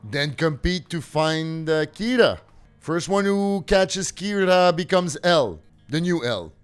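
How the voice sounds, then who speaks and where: A man's voice: on the high side, animated, slow pace, smooth, faint music behind. A man giving casual reaction commentary, with short exclamations and remarks as they come.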